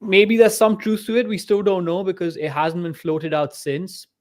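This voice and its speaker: A man's voice: high voice, fairly even intonation, moderate pace, darkish tone. A man co-hosting a casual podcast, enthusiastic and laughing easily. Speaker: podcast co-host. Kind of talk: casual chat.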